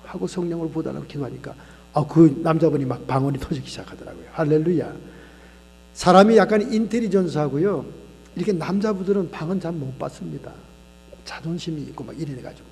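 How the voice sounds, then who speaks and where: Speaking fast in a gravelly, fairly high voice, this male pastor tells a sermon story in a church sanctuary that gives his words a roomy sound. He animates the tale by performing the voices of each character.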